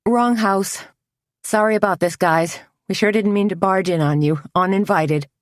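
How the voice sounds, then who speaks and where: A woman voicing Tony, a wisecracking middle-aged woman friend in an audiobook mystery, playful and quick. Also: mid-range voice, dry recording, studio quality, pitched above the performer's own voice, lightly acted. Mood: apologetic. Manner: wry, exasperated, fiery. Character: feisty middle-aged woman caught in a jam, joking.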